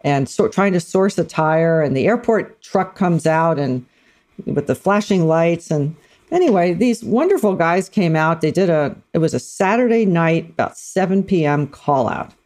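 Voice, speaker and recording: Middle-aged woman co-host, lively storyteller who puts on voices for quotes. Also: on the low side, normal speed. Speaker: podcast co-host. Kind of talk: casual storytelling chat.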